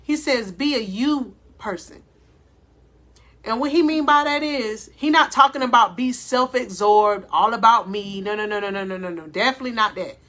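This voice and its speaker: Speaking deliberately slowly in a voice that sits a little high, a life coach calls her listeners "y'all" during a faith-based motivational talk. By her own account, her voice is a loud one.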